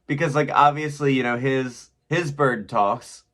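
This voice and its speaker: A chatty man comments on an episode as he watches, excitable and quick to laugh. He talks in a loose, casual way, at a mid pitch for a man. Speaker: reaction video host.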